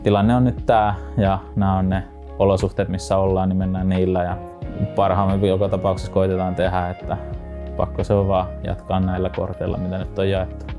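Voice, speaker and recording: A man with a very deep, gravelly voice speaks quickly in a flat, resigned way. Guitar music plays clearly behind him. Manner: resigned and steady. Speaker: esports player. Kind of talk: reflective interview.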